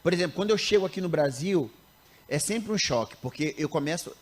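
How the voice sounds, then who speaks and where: A man in his thirties from Rio de Janeiro with a Carioca Brazilian accent, a missionary teacher telling stories in a casual interview, animated and often breaking off mid-sentence. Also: on the high side, a little fast. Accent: Carioca Brazilian Portuguese. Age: 30s. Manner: animated, self-interrupting, laughs at own stories.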